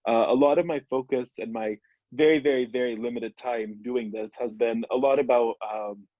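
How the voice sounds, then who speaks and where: Young man, earnest and eager, mid-pitched, dry and muffled lo-fi sound. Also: steady tone, normal speed, warm tone, no echo. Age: young adult. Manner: earnest, enthusiastic. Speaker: photojournalist, co-editor. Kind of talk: video call panel introduction.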